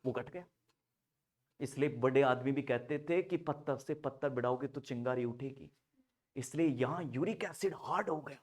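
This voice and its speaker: A young man giving a lively classroom lecture on drugs for nursing students. He jokes constantly, acts out mock dialogues in other voices, and swings from quiet asides to loud shouts. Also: mid-range voice. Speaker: nursing pharmacology teacher.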